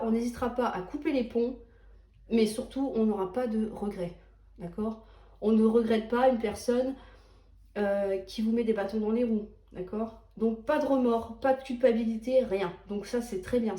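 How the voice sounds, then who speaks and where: A woman's voice: on the high side, warm tone, echoey room. A woman giving a chatty, reassuring tarot reading, often checking in with her listener. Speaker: tarot reader. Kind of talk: tarot card reading monologue.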